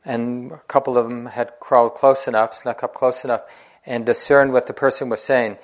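A man, a meditation teacher, giving a dharma talk in a relaxed, conversational storytelling way with light laughs. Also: mid-range voice, normal speed.

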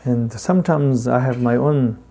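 A man with a heavy Tibetan accent, a native Tibetan speaker, giving a Buddhist dharma talk as a teacher in halting, deliberate phrases with long pauses. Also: medium pitch, vocal fry, dark tone.

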